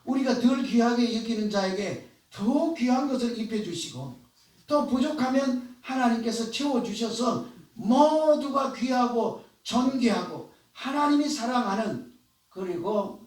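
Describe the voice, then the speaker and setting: A pastor with a very high voice preaches a sermon in a church sanctuary, speaking unhurriedly with a somewhat dark tone. His style is conversational, and he poses questions to the congregation. The hall is echoey, and he sounds distant from the microphone.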